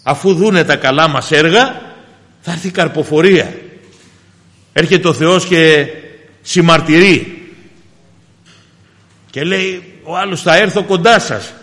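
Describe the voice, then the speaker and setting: A man, preaching a sermon with personal testimony, calling the congregation brothers and swinging from emphatic high bursts to quiet low asides. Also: pauses often, in a large hall.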